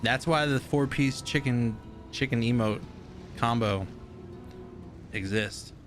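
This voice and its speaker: A man's voice: medium pitch, slow pace, music in the background. A man in his thirties streaming gameplay live, rambling and joking casually and swearing freely. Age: 30s.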